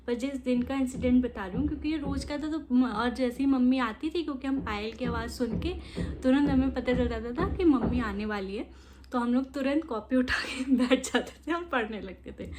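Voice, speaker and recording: A woman's voice: high-pitched, background noise. A young woman chatting casually while doing her makeup, laughing as she tells childhood stories. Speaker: makeup vlogger.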